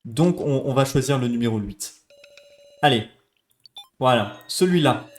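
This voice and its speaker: A man's voice: mid-range voice, animated, unhurried, echoey room. A man playing a video game, reacting with panicky outbursts and cursing. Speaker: gaming streamer. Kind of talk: let's play reactions.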